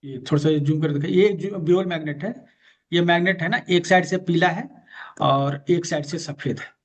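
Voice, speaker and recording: A man teaching an online class on magnet therapy, patiently repeating key terms and directing a student. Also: on the high side. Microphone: video call. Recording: dull lo-fi call audio.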